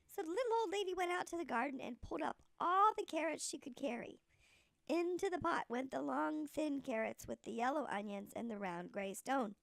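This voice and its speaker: Female storybook narrator, sweet old lady manner: high, creaky, deliberate. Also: fairly bright tone, no room sound.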